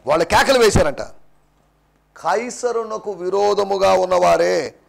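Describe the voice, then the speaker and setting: A man preaching a sermon as pastor, emphatic and repetitive, often repeating his points in English. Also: high-pitched.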